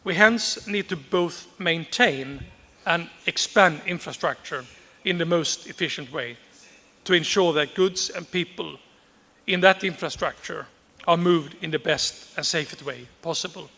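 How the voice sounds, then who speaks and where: A man delivering a formal conference address in a fairly high, bright voice. He speaks in a measured, deliberate way, leaning on repeated phrases, and the recording carries a long reverb. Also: creaky. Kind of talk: formal prepared speech.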